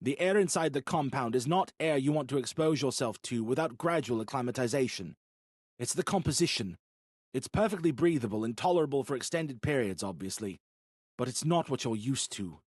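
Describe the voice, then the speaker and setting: Narrator doing a steady, earnest leader guy explaining safety stuff, medium voice, dry close sound. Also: medium pitch, brisk, husky, dry recording, pitched above the performer's own voice.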